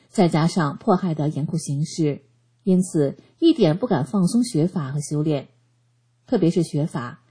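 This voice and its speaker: A woman giving a scripted narration of a first-person testimony, reading in an earnest, steady way. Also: fairly low pitch, breathy edge.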